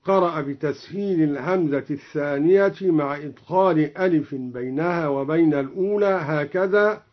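A man explaining the variant readings of Quranic verses, chanting each example slowly after his explanation. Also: a little high. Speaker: Quran recitation teacher. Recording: dull lo-fi broadcast recording.

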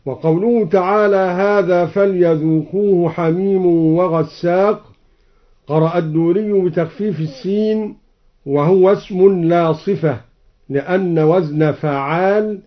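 A man with a fairly high voice teaches recitation at a very slow, deliberate pace. His explanations alternate with melodic chanting of the verses. The recording is dull and lo-fi. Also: fairly even intonation.

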